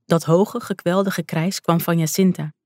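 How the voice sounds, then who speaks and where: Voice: mid-range voice, fairly even intonation, normal speed, a little mellow, no echo. An audiobook narrator telling a first-person fantasy story in a tense, dramatic way. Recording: dry, close studio sound.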